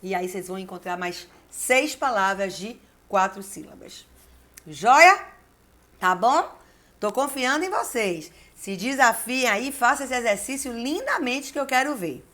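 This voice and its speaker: A woman, a teacher giving a video lesson, who dictates slowly and repeats key words syllable by syllable while encouraging her class. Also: on the high side, animated, a bit bright. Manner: encouraging, addresses the class directly. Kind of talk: video lesson with word exercises.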